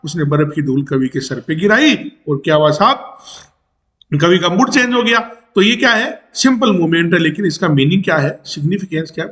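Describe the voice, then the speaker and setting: लंबे अंग्रेज़ी शब्दों वाला भारतीय शिक्षक. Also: male voice, on the high side. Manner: lively, rising questions, switches Hindi and English. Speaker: teacher. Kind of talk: explaining a poem to students. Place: home near railway tracks.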